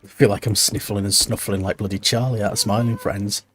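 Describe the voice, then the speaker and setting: Playing a building game with background music behind him, a streamer rambles and thinks aloud in casual commentary. His voice sits on the low side, fairly even and a bit bright, delivered briskly, and he sounds tired and stuffy with a cold. There's a little hiss or hum.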